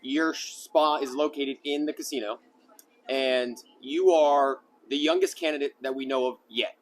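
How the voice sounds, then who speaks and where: A man's voice: mid-range voice, steady tone, moderate pace, slight background noise. A man, a local news reporter, asking questions in a casual, rambling way with many restarts. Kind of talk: sit-down news interview.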